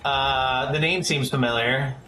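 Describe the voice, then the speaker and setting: A man's voice: medium pitch, steady tone, measured pace, bright, forceful tone, reverberant, a little hiss or hum. A man in his thirties giving casual live gameplay commentary, chatty and rambling as he talks to his chat. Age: 30s. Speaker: streamer.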